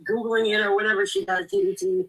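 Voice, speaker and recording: A woman's voice: on the high side, big pitch swings, fast, gravelly, a bit bright, breathy edge, rough recording. A woman in casual chat, speaking earnestly and sympathetically.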